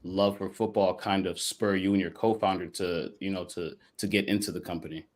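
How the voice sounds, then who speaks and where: A man from Liberia hosting a podcast, asking long, relaxed, rambling questions. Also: sits low, a little fast. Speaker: podcast host. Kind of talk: casual podcast chat.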